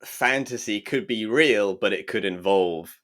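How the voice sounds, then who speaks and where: Deep-voiced man, teasing podcast co-host. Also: unhurried, a bit bright. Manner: teasing, laughs often, thinks aloud with restarts. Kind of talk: casual podcast chat.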